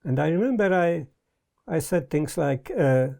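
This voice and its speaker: An older man with a Hungarian accent, talking in a thoughtful, halting way with many pauses, interviewed in a book-lined study on a lapel mic. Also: a little high, expressive, gravelly, warm tone. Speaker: guest. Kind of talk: casual conversation. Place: study lined with bookshelves, indoors.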